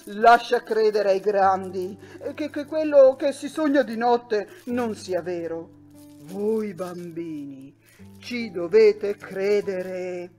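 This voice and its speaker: A woman voicing a lonely, kind dragon with a big booming voice, slow and pleading, in a children's storybook video. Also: darkish tone, faint music behind. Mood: gently insistent.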